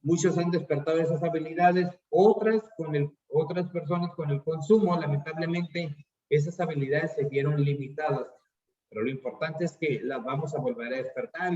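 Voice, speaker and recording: A Mexican man with a slightly high, mellow voice leads an online seminar on addiction counseling, captured in lo-fi sound. He explains the concepts step by step in an explanatory way, often leaning on fillers such as "este."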